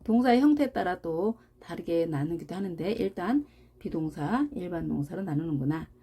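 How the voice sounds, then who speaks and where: A woman teaching an English grammar lesson, explaining patiently and slowly repeating example words for practice. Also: fairly low pitch, lively intonation, warm tone, slightly rough. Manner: slow, deliberate, repeats example words for drilling; explains patiently with rhetorical questions.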